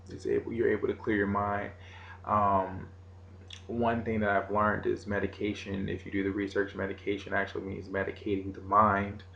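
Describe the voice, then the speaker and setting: Man, deep voice, informal meditation teacher, halting casual phrasing, roomy echo with faint noise. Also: vocal fry, a bit bright, lo-fi sound. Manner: casual, halting, unscripted phrasing with repeated "you know". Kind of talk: informal spoken meditation lesson.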